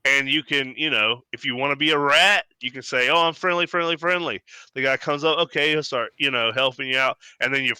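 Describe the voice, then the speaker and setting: A man's voice: medium pitch, fairly even intonation, brisk, few pauses, sharp tone, clear, resonant tone, dry recording, rough recording. A man co-hosting a podcast, talking casually and animatedly, swearing freely and mimicking other people's voices when he tells stories. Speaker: podcast co-host. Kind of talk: casual chat.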